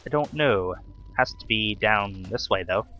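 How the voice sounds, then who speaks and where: Wry, bright-voiced young man playing a game. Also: on the low side, expressive, a little slow, lo-fi sound, faint music behind. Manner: wry, chatty, scolding the enemies on screen. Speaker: let's play host. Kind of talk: casual gameplay commentary.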